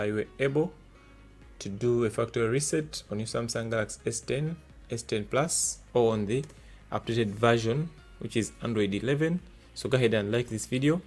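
A man's fairly low, slightly mellow voice guides viewers through a tech tutorial step by step. It's plain talk peppered with filler sounds, recorded at a desk indoors with the camera showing only his hands.

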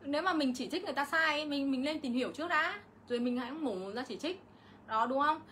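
A woman's voice: high-pitched, expressive, fast, a bit bright, slight background noise. A middle-aged woman, ranting on a casual livestream vlog and hitting back at her critics with indignation. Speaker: vlogger.

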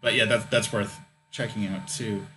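Male host; lower pitch, easygoing curious interviewer, faint music bed. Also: normal speed. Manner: relaxed, curious questioning. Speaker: podcast host. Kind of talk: casual interview.

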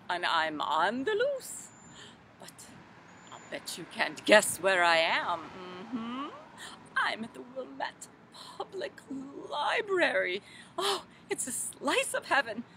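A woman's voice: fairly high pitch, very animated, slow pace, pushed and bright, slight background noise, full character voice. A woman as a fluttery old Mother Goose. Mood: flustered. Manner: flustered, fluttery, exclaims "oh goodness". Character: fussy, scatterbrained old female Mother Goose. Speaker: library storytime performer. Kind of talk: children's rhyme time in character.

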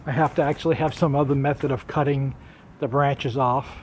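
A man's voice: medium pitch, steady tone, a little fast, slight background noise. A man giving a casual, rambling tool review outdoors in a yard, talking plainly about how it works.

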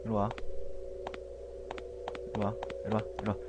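A man streaming a horror game with comic commentary, grumbling and shouting at the game and chatting with viewers, over loud game music. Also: fairly low pitch, a little slow, slight background noise. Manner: excitable, yells and grumbles at the game, chats with viewers.

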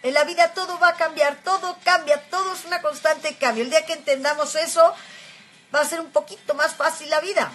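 A woman's voice: high voice, fairly even intonation, fairly quick, fairly bright tone, slight background noise. A Mexican woman in her fifties hosting a casual livestream, chatting affectionately and reading viewers' comments, with frequent filler words. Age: 50s. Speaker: livestream host.

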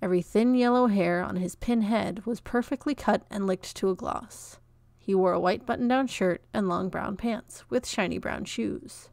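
A woman's voice: mid-range voice, normal speed, gravelly, a little mellow, no room sound. Woman reading a children's novel aloud. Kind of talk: children's book read-aloud.

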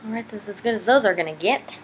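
Talking fast in an animated, mid-range voice, a young adult woman chats through a casual makeup tutorial in her living room. The beauty vlogger rambles informally and makes fun of herself as she goes. The home camera recording is noisy.

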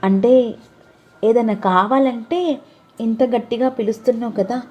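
A woman's voice: moderate pace, darkish tone, lightly acted. A woman voicing a playful, teasing young wife in a sing-song manner. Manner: sing-song, teasing, raises her voice high.

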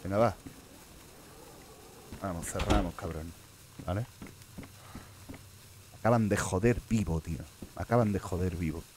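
A man's voice: low-pitched, unhurried, long pauses, background noise. A man with a Spain Spanish accent giving live gameplay commentary as a streamer, muttering to himself and swearing often.

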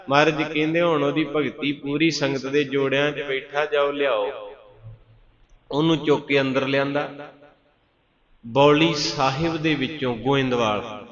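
A man preaching a Sikh katha sermon, telling stories and chanting verses slowly, asking the congregation to answer. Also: a little high. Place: large gurdwara hall with live congregation. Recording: echoey dull hall recording with crowd.

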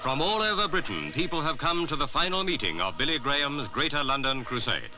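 A man's voice: on the high side, sing-song, a little fast, rough recording. A man narrating a 1950s newsreel in a formal announcer's delivery, played from an old newsreel.

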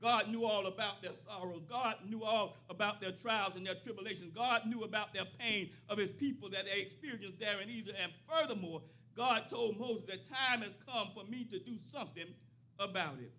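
Older man preaching, high bright voice. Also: moderate pace. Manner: builds to rising, repeated preaching cadence. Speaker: pastor. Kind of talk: sermon. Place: church sanctuary, at a pulpit. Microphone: pulpit microphone on a stand.

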